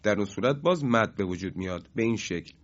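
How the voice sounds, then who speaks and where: A man's voice: on the low side, lively intonation. Man teaching recitation, chanting long examples. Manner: explains slowly, chants examples drawn out. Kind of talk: lesson on tajwid rules. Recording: dull lo-fi recording.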